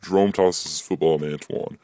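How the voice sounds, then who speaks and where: A young man reads his own short story aloud, his voice very deep and low. The sound is dry and close, with no room around it. He lifts his pitch whenever a character speaks. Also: steady tone, brisk, warm tone, dry recording. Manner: plain reading, voices dialogue with higher pitch. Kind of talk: reading a written story aloud.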